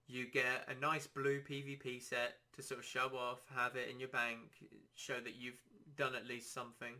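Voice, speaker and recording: Bright-voiced man rambling about gaming. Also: medium pitch, completely flat delivery, normal speed. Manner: rambling, self-deprecating, easygoing. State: dry throat, slightly hoarse. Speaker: podcast host. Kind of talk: casual solo podcast chat.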